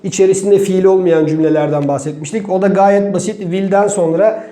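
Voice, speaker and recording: A man whose first language is Turkish, teaching an English grammar lesson and slowly spelling out example sentences word by word. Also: sits high, steady tone, mellow, reverberant.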